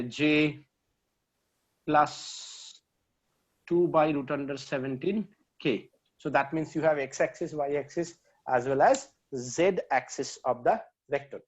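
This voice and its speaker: A male physics teacher, talking very slowly through vector sums and counting out each step. His voice sits a little high, and the recording has a dull, lo-fi sound. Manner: mixes Hindi and English, counts aloud while working sums. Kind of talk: online lecture.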